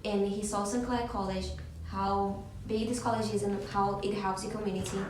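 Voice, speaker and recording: A woman's voice: mid-range voice, fairly even intonation, moderate pace. A young woman, a student, moderating a focus group with frequent ums and a reassuring manner. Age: young adult. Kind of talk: hesitant spoken moderation. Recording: echoey room from far off, background noise.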